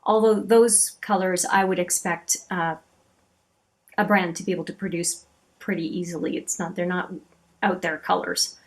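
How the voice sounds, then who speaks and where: A woman's voice: fairly low pitch, fairly even intonation, normal speed. Chatty woman swatching eyeshadows. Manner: chatty, admiring, often trails off into quiet asides. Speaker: beauty channel host. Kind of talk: casual swatching commentary.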